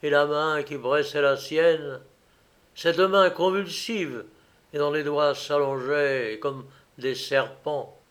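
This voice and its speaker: A man reading a gothic tale aloud in a slow, dramatic storybook narration. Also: on the high side, fairly even intonation, fairly bright tone.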